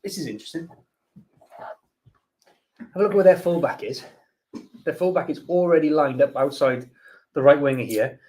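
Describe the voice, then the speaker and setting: Man, calm rugby co-commentator. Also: a little high, normal speed, pauses often, slight background noise, rough recording. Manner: brief interjections, calm analysis.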